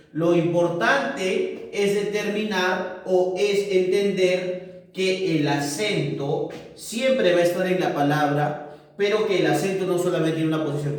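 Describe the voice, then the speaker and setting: A male teacher patiently explaining a lesson and often checking that his students follow along. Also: sits high. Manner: patient, keeps asking ¿correcto? and ¿no es cierto?. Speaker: language teacher. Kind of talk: recorded class explanation. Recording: echoey room, far from the mic.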